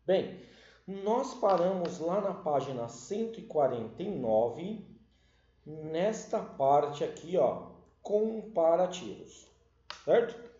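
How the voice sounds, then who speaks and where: A man's voice: a little high, sing-song, dark tone. A Brazilian man teaching English grammar in an online class, checking in often with his students and spelling out endings letter by letter. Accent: Brazilian Portuguese. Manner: explains slowly, often checking with "né?" and "certo?". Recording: lo-fi echoey room recording.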